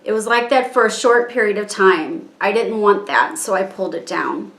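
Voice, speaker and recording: A woman's voice: mid-range voice, gravelly, a bit bright. Woman reading aloud, echoey room. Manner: measured, halting reading with pauses. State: strained, struggling to keep composure. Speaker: person reading her own statement. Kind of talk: reading a written statement aloud.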